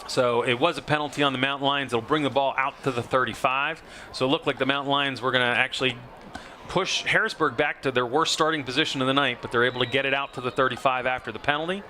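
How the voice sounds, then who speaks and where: A man doing play-by-play for a high school football broadcast, conversational with frequent fillers. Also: fairly even intonation, fast, pushed and bright, a little hiss or hum. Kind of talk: local sports commentary.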